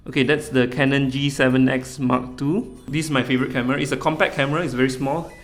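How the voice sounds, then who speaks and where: Man from Malaysia, young adult, friendly casual vlog chat, mid pitch, echoey office. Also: little pitch movement, quick pace, faint music behind. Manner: friendly, chatty, reads out viewer questions. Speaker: travel vlogger. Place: small office room.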